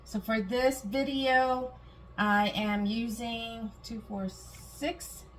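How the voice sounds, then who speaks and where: A woman's voice: on the high side, fairly even intonation, very slow, low-quality recording. A woman from Guam, hosting a casual home cooking demonstration and chatting through each step with small asides. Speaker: home cooking video host. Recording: clear background noise, room ambience.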